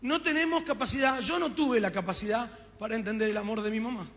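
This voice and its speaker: Argentine man, testimony sermon, fervent storyteller acting out dialogue, high voice, long hall reverb. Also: quick pace. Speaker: preacher giving his testimony.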